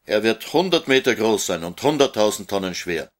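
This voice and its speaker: A man's voice: fairly low pitch, animated, moderate pace, close to an everyday voice. A man voicing a lonely orphan boy in a storybook reading, insistent and guarded. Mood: stubborn. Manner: insistent, repeating his demands.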